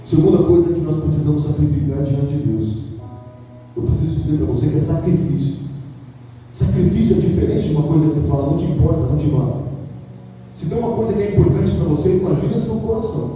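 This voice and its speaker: Pastor guy preaching, dark mellow voice, roomy church echo with soft music behind. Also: on the high side, fast. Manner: preaching with rising emphatic peaks and rhetorical questions. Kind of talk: sermon. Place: church hall. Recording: echoey church hall, mic at a distance, soft music.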